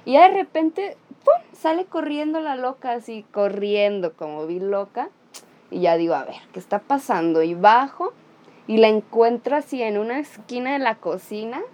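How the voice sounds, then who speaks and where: A woman's voice: a little high, darkish tone. A woman with a Mexican accent hosting a casual chat, telling stories animatedly in slang and acting out the quotes. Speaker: podcast host.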